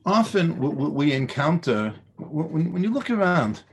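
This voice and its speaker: A man's voice: fairly high pitch, very animated, moderate pace, a little hiss or hum. A man teaching a Torah class, with lots of stammered restarts and rhetorical questions. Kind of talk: lecture on Pirkei Avot.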